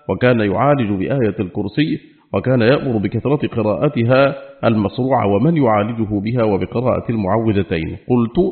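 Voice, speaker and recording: A man reading a religious book aloud in a formal, steady, measured recitation. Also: lowish voice. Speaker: audiobook reader. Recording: narrow phone-like audio.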